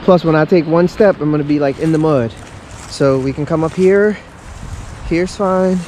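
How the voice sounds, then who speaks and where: Fishing at a marshy pond in the woods, a man vlogs excitedly, addressing his viewers as "guys" and also talking to his child in casual outdoor narration. His voice is on the high side at a moderate pace, picked up by a body-worn action camera with clear background noise outdoors.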